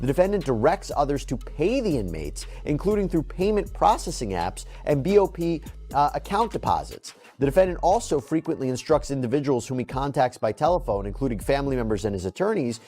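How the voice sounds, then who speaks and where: A male commentator reads legal material aloud and explains it for a news audience. His mid-pitched voice moves in lively swings, over faint music. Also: fairly quick.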